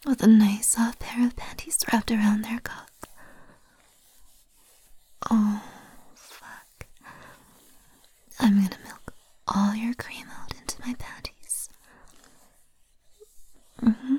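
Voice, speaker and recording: A woman speaking in a soft, breathy whisper close to the microphone, in a slow, intimate roleplay. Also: a little high, no room sound.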